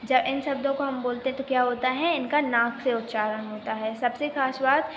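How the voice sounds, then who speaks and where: A woman with a high voice teaches a primary school grammar lesson. She asks a question, then answers it herself, spelling words out syllable by syllable. The recording echoes with a faint hiss behind it. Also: steady tone, normal speed, fairly bright tone. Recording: echoey room with faint noise.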